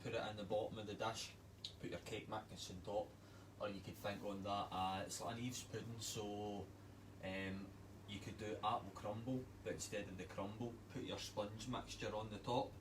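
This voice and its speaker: A Scottish man, a chef, giving a relaxed, chatty cooking demonstration and reading out recipe steps. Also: fairly low pitch, normal speed, background noise. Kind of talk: casual cooking demo on a livestream.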